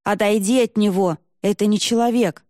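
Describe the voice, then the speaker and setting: A woman voicing a gruff, wary man who talks bluntly. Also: medium pitch, steady tone, moderate pace, warm tone, no echo, clean studio sound, natural voice.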